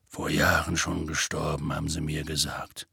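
A man voicing a huge, gruff, sad male half-giant gamekeeper in an audiobook, grumbling slowly and wearily. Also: level tone, sharp tone, no room sound, studio quality, full character voice. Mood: weary, gloomy. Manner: slow, low, weary grumbling. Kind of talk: audiobook character voice.

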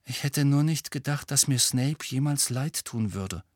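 A man's voice: mid-range voice, unhurried, no echo, clean studio sound, pitched above the performer's own voice, lightly acted. A man voicing a guarded, uneasy teenage wizard boy who talks hesitantly and defensively.

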